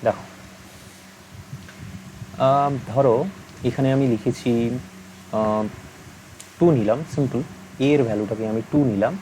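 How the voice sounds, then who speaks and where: A young man gives a recorded maths lesson in a soft, mellow voice. He explains patiently and keeps asking whether the listener has understood. A faint noise runs under the recording. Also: mid-range voice, slow pace, long pauses, poor audio. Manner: patient, asks many check-in questions. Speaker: maths teacher.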